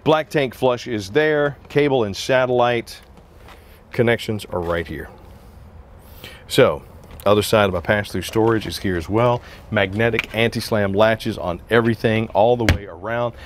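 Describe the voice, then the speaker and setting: A man's voice: on the low side, a little slow, a little hiss or hum. A man in his forties presenting an RV on an outdoor sales lot, talking in a casual, upbeat salesman style into a lapel mic. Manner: upbeat, conversational salesman patter. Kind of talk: walkaround product review.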